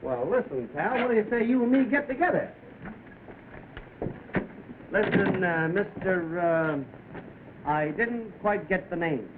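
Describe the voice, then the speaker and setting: A brash reporter talks in a high, cocky, slangy voice. He is pushy and wisecracking in 1930s film manner. The soundtrack is thin and slightly noisy. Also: animated, slow, pauses often, narrow, tinny audio. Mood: cocky, probing.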